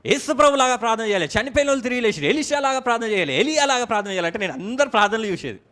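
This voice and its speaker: High-voiced Telangana preacher quizzing his church. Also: expressive, very fast, fairly bright tone. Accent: Telangana Telugu. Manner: questions the congregation often, mixes in English words. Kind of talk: sermon. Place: church service.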